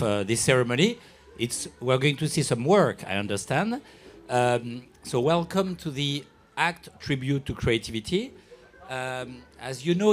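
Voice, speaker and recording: A man introducing part of an awards ceremony, speaking loosely and searching for words. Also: a little high. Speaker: ceremony presenter.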